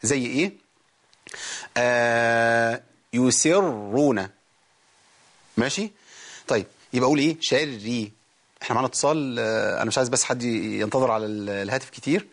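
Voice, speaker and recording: A quick-talking Egyptian man leads a recitation lesson on air, explaining pronunciation rules at speed and stopping callers to correct them. His pitch sits in the middle range. When he models the verses, he chants them slowly and melodically. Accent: Egyptian Arabic. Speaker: Quran recitation teacher, radio/TV host.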